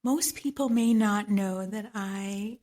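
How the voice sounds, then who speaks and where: Speaking slowly in a mellow, medium-pitched voice, a woman from Trinidad appears as a podcast interview guest. A medical esthetician with a Trinidadian accent, she is reflective and laughs frequently.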